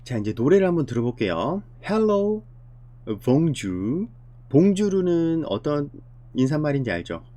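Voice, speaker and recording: A man teaching an elementary English lesson, explaining patiently step by step and repeating phrases slowly. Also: fairly high pitch, big pitch swings, warm tone.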